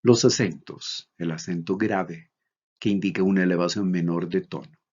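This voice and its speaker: A man from Bolivia giving a recorded lecture, reading out examples slowly and deliberately. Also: deep voice, steady tone, a little mellow, breathy edge. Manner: slow, deliberate, reads out examples. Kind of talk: recorded lecture on Greek accents. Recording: dull lo-fi recording.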